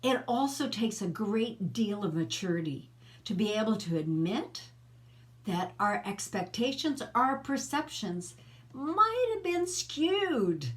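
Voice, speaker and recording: A woman's voice: on the high side, sing-song, slow. A middle-aged woman hosting her own personal growth channel, talking casually to camera in a conversational, coaching way and asking the viewer questions.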